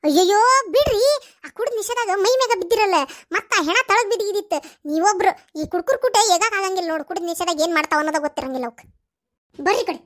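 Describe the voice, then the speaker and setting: A woman voicing Shantakka, a chatty, gossipy village woman with a North Karnataka accent, scolding and quick in a cartoon. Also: very high voice. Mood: bossy. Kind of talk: cartoon voice acting.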